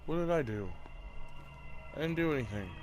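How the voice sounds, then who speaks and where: A man's voice: fairly high pitch, animated, moderate pace, a little mellow. A man giving casual, reactive gameplay commentary, informally talking to himself and to the game as he plays. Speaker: gamer. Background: game music.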